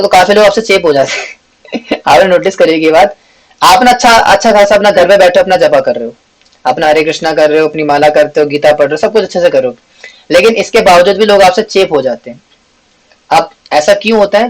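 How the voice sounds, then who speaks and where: A young man teaching a devotional scripture class in a chatty storytelling way, mixing in English words, often clearing his throat and chanting mantras in a sing-song. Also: a little high, low-quality recording. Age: young adult.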